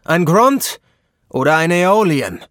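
A man putting on a slow fatherly wizard leader. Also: a little high, sing-song, fairly bright tone, no echo, studio quality, voice pushed up, heavily acted. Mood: solemn, fatherly. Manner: slow, solemn and paternal.

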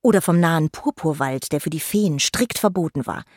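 A woman reads a children's storybook aloud in a gentle, expressive way. Her voice sits a little low. The recording is dry and close, with no room sound. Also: normal speed, no room sound. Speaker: narrator.

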